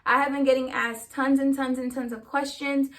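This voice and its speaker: A woman's voice: high voice, little pitch movement, normal speed. A woman chatting casually to her viewers in an emphatic, sassy, slangy way, a little short of breath. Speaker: vlogger.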